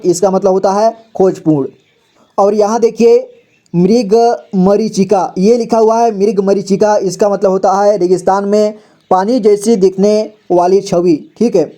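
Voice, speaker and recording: A man teaching reading in a slow, patient lesson, spelling each word out and repeating it several times. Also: high-pitched, dark tone. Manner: patient, repeats each word slowly and often says "ठीक है".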